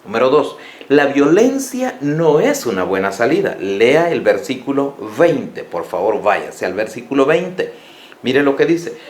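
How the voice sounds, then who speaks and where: Man preaching a Bible study, lively rising and falling pitch, echoey church room. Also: measured pace. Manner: animated storytelling, questions to listeners. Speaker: pastor.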